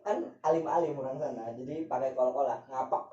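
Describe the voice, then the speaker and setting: A young Javanese man from Indonesia, a guest, chats casually, cracking slang jokes, laughing a lot, and singing a little. His medium-pitched voice is steady, mellow, and fairly fast, recorded in an echoey, distant, dull-sounding room.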